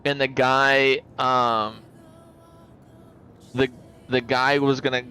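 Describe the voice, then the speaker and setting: A man's voice: medium pitch, level tone, takes it slowly, pushed and bright, clean tone, soft background music, rough recording. A middle-aged man hosting a casual gaming livestream, rambling and chuckling as he tells stories. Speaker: livestream host.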